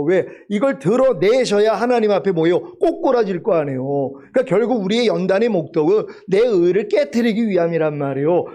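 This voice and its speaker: A man with a notably high voice delivers a sermon. He drives his points home with repeated rhetorical questions and leads the congregation through responsive scripture reading. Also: mellow. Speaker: pastor.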